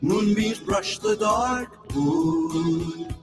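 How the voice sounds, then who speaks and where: A man and a woman sing together in duet at an extremely slow, gentle pace. Each line is drawn out as a sung ballad. The recording rings with echo, and a loud guitar plays along. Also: medium pitch.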